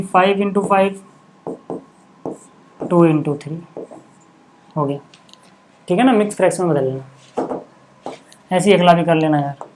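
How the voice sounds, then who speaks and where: A high-voiced man gives a casual maths lesson at the board, frequently checking with brief asides whether his students are keeping up. There's slight background noise.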